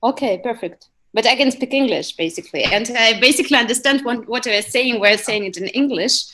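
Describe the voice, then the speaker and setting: Woman, Russian accent, native Russian speaker, slightly high pitch, casual, faintly noisy video call. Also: normal speed, pushed and bright. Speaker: film producer, guest.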